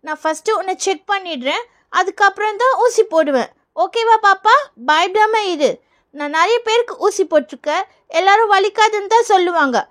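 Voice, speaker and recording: A woman voicing a patient, gentle school nurse who calms scared children, in a doll play. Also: very high voice, normal speed. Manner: soothing, patient.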